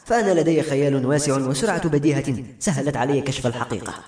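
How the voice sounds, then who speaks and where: A man plays a determined young man from a storybook, arguing his case in an earnest, pressing voice. Delivery is fast, and a roomy echo hangs on the words. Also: mid-range voice, darkish tone, recorded from a distance, close to an everyday voice. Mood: defiant. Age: young adult. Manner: earnest, pleading insistence. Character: young male engineering student, insistent and stubborn. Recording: roomy echoey room.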